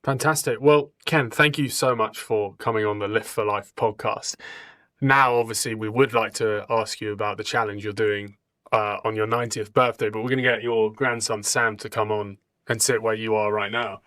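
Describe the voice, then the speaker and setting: A man's voice: fairly low pitch, steady tone, normal speed, sharp tone, dry recording, clean studio sound. A man hosting a podcast, upbeat and encouraging toward his guests. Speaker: podcast host. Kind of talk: interviewing.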